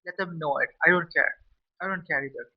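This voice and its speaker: A man's voice: on the high side, fast talker. A man giving a blunt, profane opinion rant, repeating himself as he talks. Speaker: vlogger. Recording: lo-fi and a bit far from the mic.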